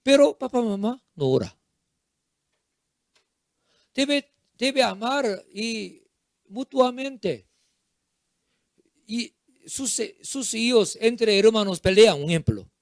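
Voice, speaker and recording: A man preaching a sermon as pastor, in short halting phrases with simple, non-native grammar and frequent repetitions. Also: high voice, big pitch swings, no echo, studio quality.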